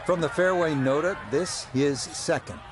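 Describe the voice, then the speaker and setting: A man giving measured, descriptive golf commentary as the lead play-by-play voice. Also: on the high side, noisy background. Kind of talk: sports commentary. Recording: loud music and crowd behind voice. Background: music, crowd, outdoor ambience.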